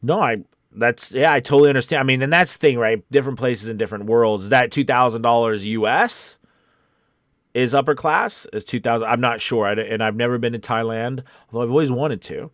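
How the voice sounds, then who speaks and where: Reading viewer comments aloud, an American man who coaches chats casually on his livestream, stressing and repeating his main points. He speaks a little fast in a medium, slightly bright voice, and the studio-quality audio has no room sound.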